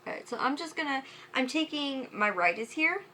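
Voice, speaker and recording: A woman's voice: high-pitched, lively intonation, normal speed, bright, forceful tone, slight background noise. A drunk woman giving a casual, chatty makeup tutorial, fumbling and tripping over her words as she goes.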